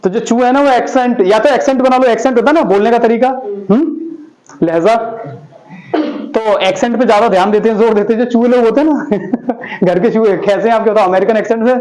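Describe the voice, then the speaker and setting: Guy teaching english words, checks in with the class a lot, high voice. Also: fast talker, darkish tone, rough recording. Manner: explains with playful mnemonics, checks in often. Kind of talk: vocabulary lesson with memory tricks.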